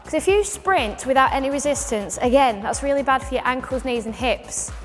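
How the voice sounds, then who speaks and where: A woman's voice: sits high, brisk. A woman spin instructor informally explaining a bike demonstration step by step. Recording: echoey hall with music behind.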